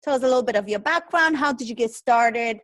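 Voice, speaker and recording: A woman's voice: a little high, quick pace, a bit bright. A woman hosting a podcast, chatting upbeat with her guest and often restarting her sentences. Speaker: podcast host. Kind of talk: casual interview.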